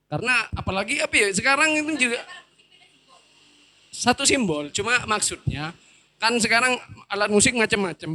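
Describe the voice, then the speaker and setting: High, bright-voiced man asking hesitantly. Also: no room sound. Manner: hesitant, searching for words. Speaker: discussion participant asking a question. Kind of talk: casual discussion.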